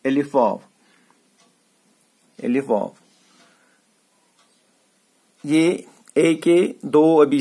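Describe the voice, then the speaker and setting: A man teaches a class, taking his time and drawing out each point. His voice is slightly husky, and he says key words again and again so students catch them. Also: fairly high pitch, a little mellow. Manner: slow, explanatory, repeats words for emphasis. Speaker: English teacher. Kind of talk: classroom lecture mixing Hindi and English.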